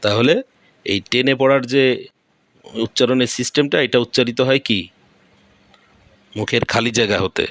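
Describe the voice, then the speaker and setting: A man's voice: mid-range voice, normal speed, pauses often, a bit bright, no echo. A man with a Bangladeshi Bengali accent teaching Quran recitation pronunciation step by step. He repeats each point and asks questions that he then answers himself.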